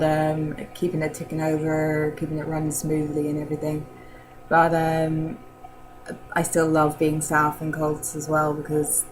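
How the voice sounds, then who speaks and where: A woman chatting casually in a rambling vlog, filling pauses with "um" and laughing often. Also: sits low, background noise. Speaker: vlogger answering model-challenge questions. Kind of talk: casual chat.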